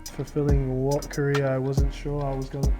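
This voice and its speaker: A man with a New Zealand accent, chatting casually as a guest, relaxed and laughing often. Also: medium pitch, normal speed, over loud music. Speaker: dancer guest. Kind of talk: casual chat.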